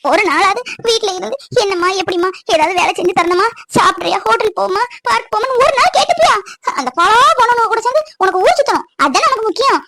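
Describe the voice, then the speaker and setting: A cartoon performer voicing a sharp-tongued young wife who rants and scolds her husband in a high, sped-up cartoon voice. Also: expressive, fast talker, slight background noise, heavily acted. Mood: complaining. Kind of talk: cartoon voice acting.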